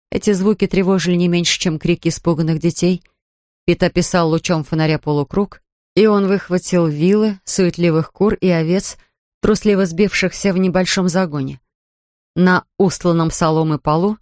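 An audiobook narrator reading a suspense novel in a measured, even way. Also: medium pitch, no room sound, studio quality. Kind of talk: scripted narration of a thriller.

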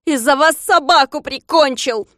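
A woman performs an audiobook character: a rich, bald male landowner who rants in a shrieking fury, screeching orders and bossy insults. She speaks at a medium pitch and normal speed with fairly even intonation, lightly acted. The clean studio recording is dry.

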